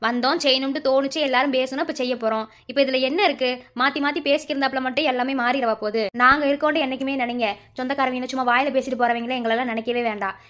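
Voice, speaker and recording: A woman's voice: high-pitched, steady tone, rapid-fire, hardly any pauses, a bit bright. Woman playing a firm Madurai village aunt. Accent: Madurai Tamil. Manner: firm, reassuring.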